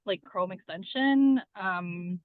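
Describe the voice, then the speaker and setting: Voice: mid-range voice, slow, clear, resonant tone, dry recording. A caller driving while talking over a car speakerphone, asking curious questions in a casual, apologetic way with many okays. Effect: calling in over a car speakerphone. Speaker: student caller on a group coaching call. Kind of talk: casual questions on a group call. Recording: tinny phone line, dry.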